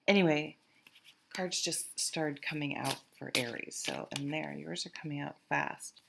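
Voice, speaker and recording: A woman with a Vermont accent reading tarot casually to camera, halting and rambling as she thinks aloud. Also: sits low, gravelly, very noisy. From Vermont, USA. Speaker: tarot reader, host.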